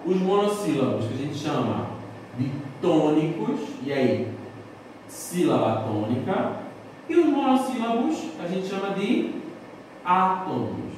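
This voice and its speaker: A man teaches a recorded Portuguese lesson to a school class, explaining step by step and posing questions he answers himself. His fairly high voice is sing-song and darkish, at a measured pace. The distant mic picks up an echoey room and faint noise.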